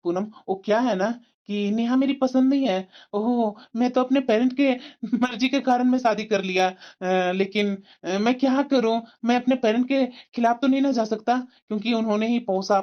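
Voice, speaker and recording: A sly young cartoon husband, voiced by a woman, who coaxes and dodges with endless fillers. The voice sits fairly high. The recording sounds dull and lo-fi. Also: fairly even intonation, normal speed, hardly any pauses, lightly acted. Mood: evasive. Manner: coaxing and evasive, many fillers. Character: cheating young husband, smooth-talking office boss. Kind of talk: cartoon voice acting.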